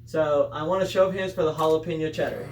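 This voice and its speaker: A man's voice: a little high, steady tone, fast talker, darkish tone. A man hosting a casual group snack review, chatting informally as he leads the others. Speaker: host of a snack tasting review. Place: room with a group of tasters. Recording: roomy echo, distant mic, faint noise.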